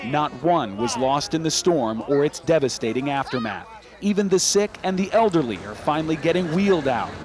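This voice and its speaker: Male TV reporter, slightly high, measured. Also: lively intonation. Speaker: TV news field reporter. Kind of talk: scripted broadcast news narration.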